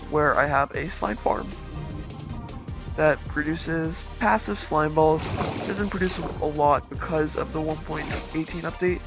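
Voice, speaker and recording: Man, voice changer disguising him, slightly high pitch, laid-back gaming tour, music behind. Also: vocal fry. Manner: laid-back, easygoing, talks while touring his builds. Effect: voice changer disguising his voice. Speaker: gaming channel host. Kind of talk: relaxed game world tour commentary. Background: background music.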